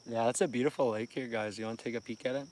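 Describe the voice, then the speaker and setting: A tired Canadian man in his 30s, a fishing livestreamer short on sleep, chats casually with viewers outdoors by a lake near a campsite at dawn. His medium-pitched, darkish voice is steady in tone but racing in pace; he laughs often and keeps quiet, and the phone stream carries a little hiss or hum.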